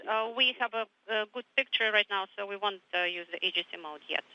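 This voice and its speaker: Bright crew voice over a space radio link. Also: mid-range voice, fairly quick, clear, resonant tone. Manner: clipped, procedural radio callouts. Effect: space-to-ground radio link. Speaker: space station crew member. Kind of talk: radio check-in with mission control. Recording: muffled radio downlink.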